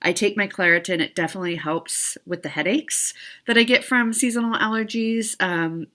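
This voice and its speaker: A middle-aged woman talks casually to the viewers of her cross stitch vlog, rambling along with fillers and little laughs. Her medium-pitched voice moves at a normal speed and sounds bright and forceful, though a bit stuffy from allergies.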